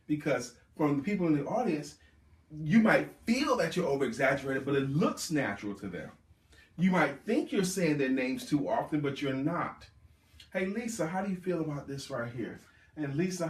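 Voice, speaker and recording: A man runs a sales training session, his delivery lively and swooping as he hammers home key words again and again. His voice sits a bit high for a man. The sound is roomy and picked up from some distance away. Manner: emphatic, repeats key words for stress. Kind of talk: motivational sales seminar talk.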